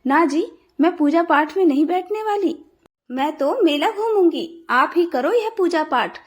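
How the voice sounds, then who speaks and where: A woman's voice: extremely high pitch, lively intonation, a little slow. A woman voicing a proud, skeptical young daughter-in-law who talks dismissively. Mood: scornful. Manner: dismissive, scornful.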